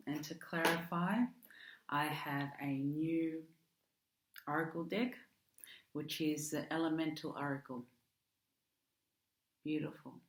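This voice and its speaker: A woman with an Australian accent giving a casual monthly tarot reading, hesitant, with frequent ums and restarts. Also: low voice. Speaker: tarot card reader. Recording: echoey room.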